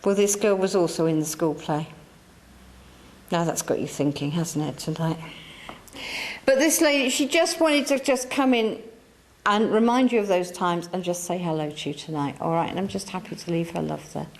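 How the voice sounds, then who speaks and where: With a lowish voice at a moderate pace, an English woman medium speaks to a church audience in a church hall. Her spiritualist patter is chatty and coaxing, circling round and repeating itself.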